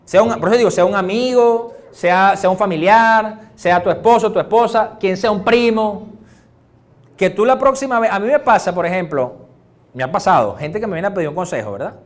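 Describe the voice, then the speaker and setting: A male pastor with a Venezuelan accent, preaching in a relaxed, joking way and acting out little conversations. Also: sits high, moderate pace. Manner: animated, joking, acts out little dialogues. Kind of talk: conversational sermon.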